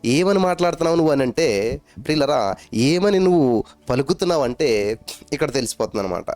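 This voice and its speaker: A man preaching a sermon as a pastor, fervent and emphatic, building to loud exclamations. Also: mid-range voice, expressive, brisk, dry recording, soft background music.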